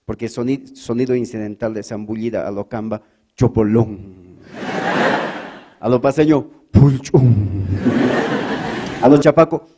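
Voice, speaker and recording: A man with a Bolivian Spanish accent doing stand-up comedy in a lively way, jumping between voices. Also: mid-range voice, fast talker. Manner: animated, jumps between voices.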